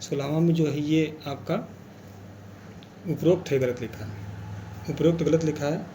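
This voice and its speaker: A man's voice: on the high side, steady tone, normal speed, warm tone, slight background noise. A man teaching an exam revision lesson, explaining patiently and repeating key words as he goes.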